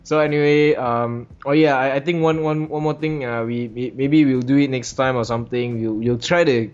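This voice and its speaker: Man, young adult, casual podcast host, halting, swears casually, muffled sound. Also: mid-range voice, fairly even intonation, darkish tone, clean tone.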